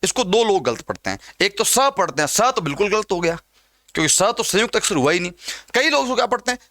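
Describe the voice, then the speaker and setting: A man's voice: high-pitched, sing-song, quick pace, fairly bright tone, no echo, clean studio sound. A man teaching a Hindi lesson, drilling sounds by repeating example words and asking his learners questions. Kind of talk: spoken grammar lesson.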